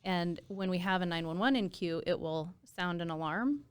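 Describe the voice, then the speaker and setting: This American woman has a lowish voice with a clear, resonant tone and speaks at a moderate pace. Being interviewed on a podcast as an emergency dispatch supervisor and trainer, she comes across as casual, earnest and admiring.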